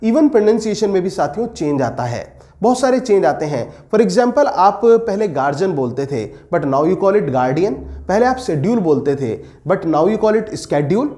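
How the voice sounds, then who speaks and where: A man teaching English pedagogy for teacher exams, posing questions to his students and slowing down to dictate definitions. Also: high-pitched, sing-song, warm tone. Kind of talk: exam-prep lecture.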